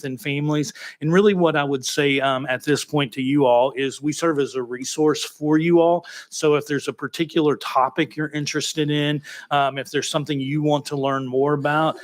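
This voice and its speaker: A man's voice: mid-range voice, a bit bright. Man with mumbled, marbles-in-mouth articulation, formal presenter. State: recovering from dental surgery. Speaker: executive director of a state children's agency. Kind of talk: formal presentation to a legislative committee.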